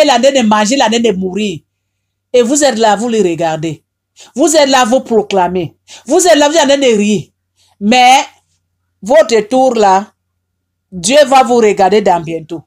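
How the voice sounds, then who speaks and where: Haitian French woman, high-pitched, slow, impassioned and tearful; repeats her rebukes. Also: a little mellow. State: tearful, upset. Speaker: online advice host. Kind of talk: emotional preaching monologue.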